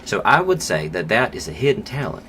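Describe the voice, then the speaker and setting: Very deep-voiced male psychologist guest. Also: very animated, bright, forceful tone, rough recording. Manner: thoughtful, measured, with pauses and fillers. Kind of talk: podcast interview conversation. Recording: clear background noise.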